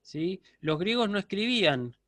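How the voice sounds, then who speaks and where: A man's voice: high-pitched, very animated, a little slow, a bit bright, dry recording. A man giving a university lecture online, explaining step by step and checking in with his students. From Argentina.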